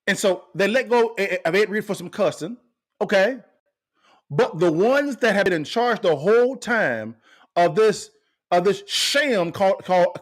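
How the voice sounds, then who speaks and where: High, lively man ranting on a podcast. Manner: fired-up, asks the same questions again and again. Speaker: podcast host. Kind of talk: impassioned commentary.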